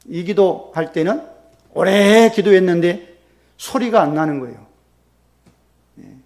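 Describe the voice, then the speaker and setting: A man preaching a sermon as pastor, acting out quoted prayers with sudden loud bursts and soft drops. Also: sits high, a little slow.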